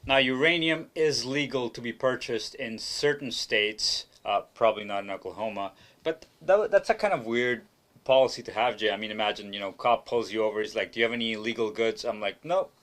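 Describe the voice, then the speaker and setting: A man's voice: mid-range voice, fairly quick, fairly bright tone. A man co-hosting a comic animal news show, rambling through wry jokes. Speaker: co-host. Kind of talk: joking news banter.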